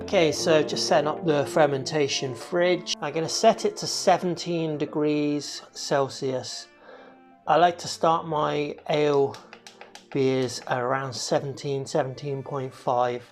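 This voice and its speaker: A homebrewer walks through each step in an easygoing, explanatory way, often pausing on ums and uhs. The voice sits at a middling pitch. Faint music plays underneath the talk. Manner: relaxed, explanatory, many fillers. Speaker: homebrewer hosting the channel. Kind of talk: casual how-to narration.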